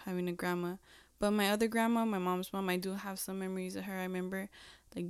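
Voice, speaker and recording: A woman's voice: mid-range voice, clean tone, no echo, studio quality. A woman in her twenties hosting a casual solo podcast, chatty and self-deprecating, full of "like" and "um". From United States. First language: Spanish. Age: 20s. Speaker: podcast host.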